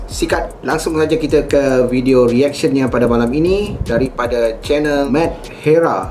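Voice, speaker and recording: A man's voice: mid-range voice, warm tone, a little hiss or hum. A man with a Malaysian accent giving casual reaction commentary as a channel host, talking straight to viewers.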